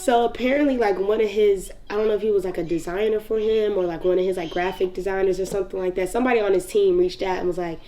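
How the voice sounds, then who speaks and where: A woman's voice: medium pitch, fairly even intonation, fast talker, few pauses, over a noisy crowd. Laid-back Southern woman telling her story. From North Carolina, US. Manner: laid-back, many "like"s, frequent laughs. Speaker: rapper. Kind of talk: casual interview storytelling.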